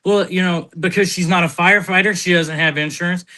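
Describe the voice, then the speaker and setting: A man's voice: high voice, a little fast. A man telling stories in casual chat on a live talk show, blunt and swearing freely. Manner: blunt, animated storyteller who swears.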